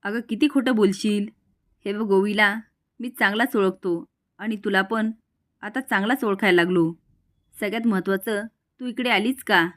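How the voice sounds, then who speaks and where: A woman's voice: mid-range voice, moderate pace, pauses often, a bit bright, close to an everyday voice. A woman reads a stern, protective middle-aged uncle who scolds and commands. She keeps the voice close to her own. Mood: scolding.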